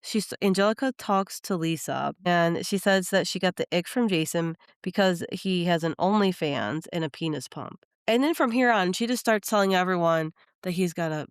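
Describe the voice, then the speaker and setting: A woman co-host chats in a smooth, clear voice. She recaps the episodes in a lively way and acts out the quoted lines. The sound is dry and close to the mic. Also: lowish voice, moderate pace, few pauses, no room sound. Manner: chatty, animated retelling with quoted lines. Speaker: podcast co-host. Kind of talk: casual chat recapping reality TV.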